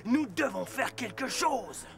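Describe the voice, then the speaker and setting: An actor with a Quebec French accent playing a naive, excitable Gaulish bard in a comic stage play, slangy and exclamatory. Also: male voice, extremely high pitch, slow pace, vocal fry, exaggerated voice. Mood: excited.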